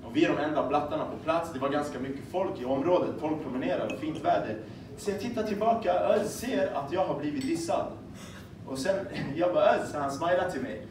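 Animated young man doing stand-up in a club. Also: fairly high pitch. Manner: animated storytelling, acting out dialogue. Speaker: stand-up comedian. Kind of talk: stand-up comedy set. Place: comedy club stage. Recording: echoey club room, far-off mic, crowd noise.

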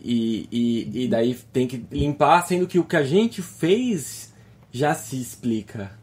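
A man's voice: mid-range voice, animated, takes it slowly, a little mellow. A man co-hosting a podcast, speaking in a casual, hesitant way as he thinks aloud. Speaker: podcast co-host. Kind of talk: casual reflective chat.

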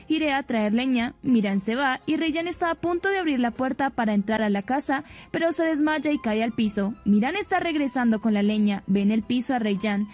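A woman's voice: fairly high pitch, darkish tone. A woman narrating a soap opera recap, retelling each scene and quoting the characters in her own plain voice. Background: faint background music.

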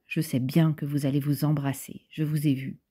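A cheeky little girl who keeps pressing with questions, as a woman reads her. The voice is dark and mellow with some huskiness, like an evening audiobook reading. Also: low-pitched, little pitch movement, moderate pace, breathy edge. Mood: curious. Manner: prying, insistent questions.

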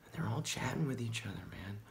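An actor playing a paranoid young male stoner in a self-tape monologue, rambling and full of "dude" and "man", dropping into whispers and swinging his pitch and volume widely. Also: big pitch swings, unhurried, a little hiss or hum. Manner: drops into hushed whispered asides; wildly swinging pitch and loudness.

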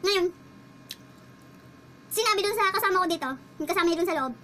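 In a casual storytelling vlog, a chatty woman laughs as she talks about her job as a driver, speaking quickly in a very high, bright voice. Faint room ambience hums behind her, along with a little hiss or hum.

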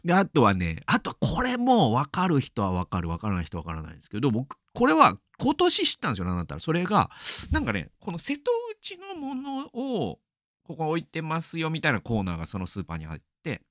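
A man's voice: mid-range voice, huge pitch swings, quick pace, few pauses, fairly bright tone, no echo, clean studio sound. A middle-aged man hosting a radio show, talking casually and rambling, laughing often. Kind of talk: casual solo talk.

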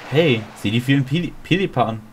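A man's voice: medium pitch, animated, a little fast, a little hiss or hum. A man playing a video game and reading all of its dialogue aloud, with small slips and restarts. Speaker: let's player.

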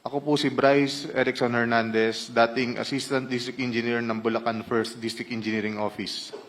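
A man of medium pitch with a Filipino accent reads formal testimony. He is a witness at a hearing, and his speech mixes Tagalog and English. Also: level tone, fairly quick, slight background noise.

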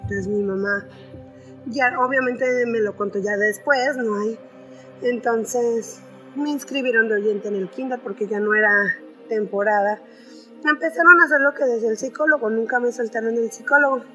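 Woman, fairly high and crisp voice, chatty storytelling, faint music underneath. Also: normal speed, sharp tone, low-quality recording. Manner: conversational, with frequent fillers and restarts. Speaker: storyteller sharing a personal experience. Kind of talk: casual spoken storytelling.

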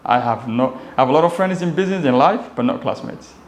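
In an echoey office lounge with glass walls and faint background noise, a young Somali man who speaks Somali natively shares his own story as a relaxed interview guest. His Somali-accented voice is mid-range, animated and fast.

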